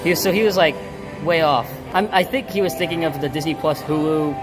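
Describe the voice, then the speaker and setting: Casual male vlogger over loud music. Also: fairly high pitch, brisk, poor audio. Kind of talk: casual theme park vlog chat. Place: theme park.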